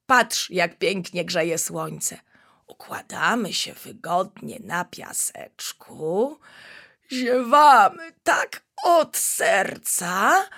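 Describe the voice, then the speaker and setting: A woman's voice: mid-range voice, creaky, pushed and bright, full character voice. A woman voicing a lazy, grumpy young male tiger cub who grumbles unwillingly.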